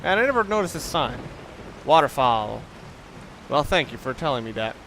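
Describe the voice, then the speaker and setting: A man with a medium-pitched, sing-song, fairly bright voice talks at normal speed over a video game. The audio is poor, with a little hiss or hum. As a let's play commentator, he rambles casually and wryly, often halting to restart sentences.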